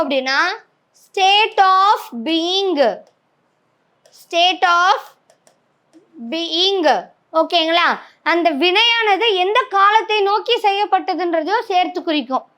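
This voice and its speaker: A woman's voice: extremely high pitch, fairly bright tone. A woman with a Tamil accent teaching an English grammar lesson, often stopping to ask the class if they follow. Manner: checks understanding with frequent "okay?".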